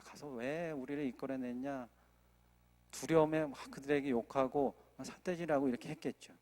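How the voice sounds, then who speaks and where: A man's voice: mid-range voice, a little mellow, long reverb tail. A male associate pastor preaching a sermon at a Friday prayer service, earnest, often asking the congregation rhetorical questions. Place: church sanctuary.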